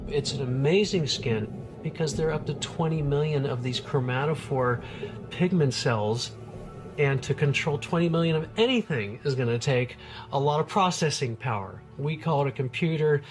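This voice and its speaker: A man's voice: fairly high pitch, normal speed, over music. A man speaking as a scientist in a documentary, explaining in an enthusiastic, marveling way without a script. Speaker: marine biologist, interview subject.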